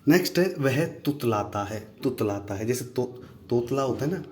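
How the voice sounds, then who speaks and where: Male english teacher, mellow voice, slow repeated phrases, friendly. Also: mid-range voice, lively intonation, slight background noise. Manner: repeats each phrase slowly, word by word; friendly, addresses viewers as friends. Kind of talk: spoken English lesson.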